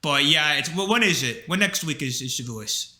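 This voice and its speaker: Co-hosting a laid-back podcast alongside his brother, this young man speaks at a moderate pace with a voice on the high side. His casual chat is animated, rambling, and heavy with fillers, and the room sounds echoey.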